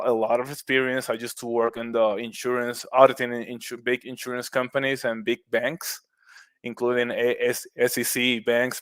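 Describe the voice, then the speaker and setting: Speaking as a podcast guest, a middle-aged mushroom business owner from Puerto Rico talks in a relaxed, friendly way with his native accent. He laughs readily and frequently restarts his words, keeping his pitch level and even, and the audio is close-miked, dry and echo-free.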